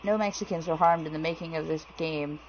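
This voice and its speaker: A woman giving casual, jittery commentary while playing a horror game, swearing freely and reading things out loud. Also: low voice, fairly even intonation, fairly quick, muffled recording, a little hiss or hum. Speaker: let's play gamer.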